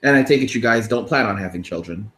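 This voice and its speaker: A man's voice: on the low side, animated, fast talker, fairly bright tone, echoey room. A man in his thirties hosting a casual interview, rambling, with frequent restarts. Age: 30s. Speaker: podcast host.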